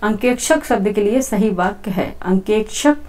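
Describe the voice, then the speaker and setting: Talking to her students at normal speed, a female teacher with a medium-pitched, expressive, slightly mellow voice breaks down exam questions step by step. The exam-prep lesson is repetitive, and she says "theek hai," or okay, again and again.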